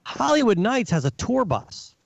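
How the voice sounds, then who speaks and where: A man on a podcast telling a story with animated indignation, swearing as he goes. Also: very high-pitched, normal speed, creaky, dry recording, lo-fi sound. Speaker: regular guest of the show. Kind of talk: casual podcast chat.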